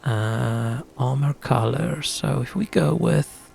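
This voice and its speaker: Gravelly man chatting over his game. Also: mid-range voice, takes it slowly, faint music behind. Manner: relaxed, chatty, thinking aloud. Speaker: streamer. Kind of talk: casual gaming commentary.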